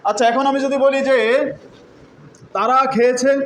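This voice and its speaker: A man's voice: very high-pitched, steady tone, normal speed, slight background noise. A man teaching English grammar to a class, quizzing students with repeated call-and-response questions. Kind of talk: classroom lesson. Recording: echoey classroom, faint ambience.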